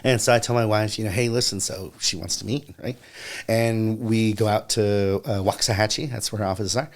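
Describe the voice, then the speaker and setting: A man's voice: fairly low pitch, brisk. A man, an actor, telling a long anecdote in a casual interview, full of "you know" fillers. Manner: animated anecdote-telling, acts out quoted voices. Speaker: actor guest.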